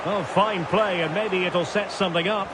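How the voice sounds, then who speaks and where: A man calling a football match as play-by-play commentator, building to excited shouts when goals go in. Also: high voice, moderate pace, background noise. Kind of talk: sports commentary.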